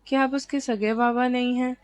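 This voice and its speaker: A woman reading as a drowsy young wife who speaks softly. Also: on the high side, little pitch movement, no echo, close to an everyday voice. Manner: soft, drowsy. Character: sleepy, anxious young wife.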